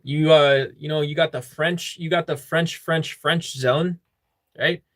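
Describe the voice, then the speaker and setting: A man's voice: a little high, steady tone, unhurried, fairly bright tone. A man hosting a casual livestream, chatting with viewers in a joking, rambling way. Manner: joking, rambling, singing snippets. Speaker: livestream host.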